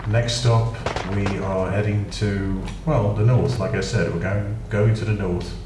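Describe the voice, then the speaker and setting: His tone steady and his pace a little slow, this British man with a very low voice hosts a gaming channel and wanders through casual commentary on his play, sprinkling in dry, self-deprecating remarks. The far-off mic picks up an echoey room and noticeable background noise.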